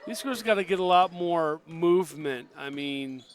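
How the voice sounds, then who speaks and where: A fairly high-voiced man calls a local girls' basketball game. He talks like a fan in the booth, telling the players to push the ball and stop the girl with the ball. His voice sits a bit above most men's. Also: moderate pace. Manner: partisan, coaching the players from the booth. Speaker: color commentator.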